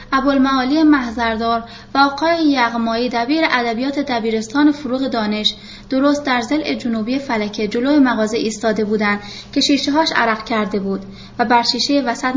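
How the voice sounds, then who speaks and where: A woman calmly reading a novel aloud as the narrator of an audiobook. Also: fairly high pitch, dull audio, a little hiss or hum.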